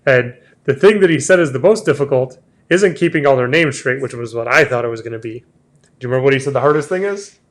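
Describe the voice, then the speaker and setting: A man with an expressive mid-range voice talks fast as he hosts a casual travel chat. He's got the hiccups, and he chats away while restarting his sentences often.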